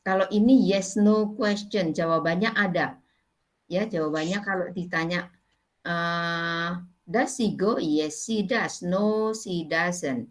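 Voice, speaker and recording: Slow-speaking Indonesian woman lecturer. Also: fairly low pitch, poor audio. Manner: slow, patient explaining with many fillers. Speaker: university lecturer. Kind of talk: teaching English grammar in class.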